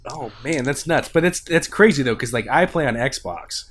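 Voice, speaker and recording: Animated man running a zombie game. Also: mid-range voice, moderate pace, a little hiss or hum. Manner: playful, teasing, animated. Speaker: game master. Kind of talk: tabletop game podcast, casual banter and narration.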